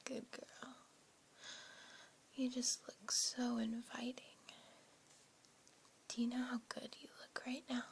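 A woman performing a whispered role-play as a tender but dominant, seductive lover, in a breathy, coaxing way. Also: a little high. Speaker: audio role-play performer in an adult scene.

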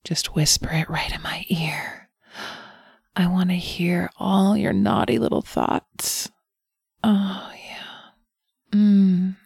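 A woman voicing a seductive, wicked female succubus in an erotic audio roleplay, teasing and breathy, sometimes dropping into whispers close to the mic. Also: medium pitch, warm tone, no echo.

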